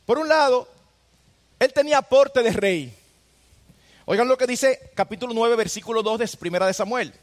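A man's voice: very high voice, moderate pace, long pauses. A pastor preaching a sermon in an earnest way, asking his listeners rhetorical questions directly. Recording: long hall reverb.

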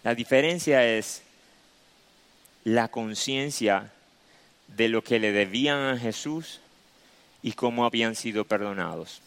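A man's voice: medium pitch, takes it slowly, pauses often, a bit bright, smooth. A man preaching a sermon, explaining a passage step by step and repeating his key phrases. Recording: long reverb in a large hall.

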